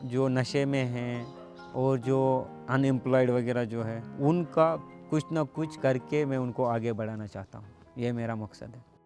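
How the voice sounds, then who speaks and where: A young man from Kashmir, telling his personal story in a conversational way, pausing with hesitant fillers. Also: medium pitch, fairly even intonation, darkish tone. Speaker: meditation teacher sharing his story. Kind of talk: personal testimonial. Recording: music playing clearly underneath.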